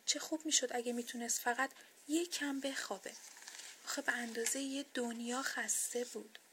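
A woman reading a children's bedtime story aloud, soft, gentle and expressive. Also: fairly high pitch, slight background noise.

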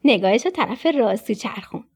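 A woman's voice: a little high, breathy edge. A woman narrating a children's story expressively, dropping to a whisper at tense moments. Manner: expressive, dips into whispers for suspense.

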